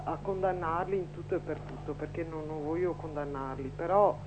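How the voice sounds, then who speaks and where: A man calling in to a radio show over the phone, talking in halting, rambling bursts with many restarts. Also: on the high side, fairly even intonation. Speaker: radio call-in caller. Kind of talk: casual call-in chat. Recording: muffled phone line, crowd noise.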